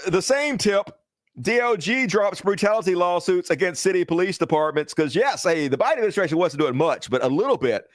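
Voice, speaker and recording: Profane political ranter, male, high-pitched, dry close sound. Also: dry recording. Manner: profane, heated ranting, addresses viewers as folks. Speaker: political commentary host. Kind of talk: angry political commentary.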